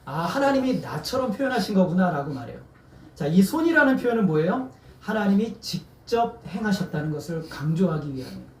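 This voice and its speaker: Man, pastor, high voice, sermon, quizzes the congregation, echoey church, mic set back. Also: very animated, fairly quick, recorded from a distance, slight background noise. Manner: asks the congregation questions and has them repeat words. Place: church sanctuary.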